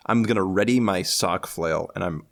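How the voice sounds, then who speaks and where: A man's voice: low voice, moderate pace, gravelly. A young man playing a tabletop game, joking, swearing and laughing in casual chat. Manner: swearing, jokey, laughs often. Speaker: player.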